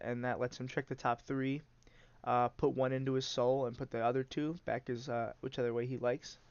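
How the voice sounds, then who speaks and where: Stuffy-nosed and chatty, a man hosts a card game and narrates the play in a rambling way, restarting sentences and filling gaps with "uh." His medium-pitched voice sounds clear and resonant with no echo, though the high frequencies are cut off.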